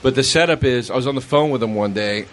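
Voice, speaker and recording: Brief: male comic guest, animated storyteller, faint noise behind. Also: mid-range voice, quick pace. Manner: animated storyteller acting out quotes. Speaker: comedian guest. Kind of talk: casual comedy storytelling.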